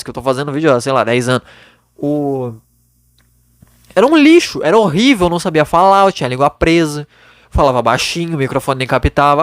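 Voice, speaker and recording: Animated, blunt young man giving advice. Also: high-pitched, no room sound, clean studio sound. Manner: blunt, animated, swears casually. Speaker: podcast host. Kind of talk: casual advice monologue. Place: his bedroom. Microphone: podcast microphone.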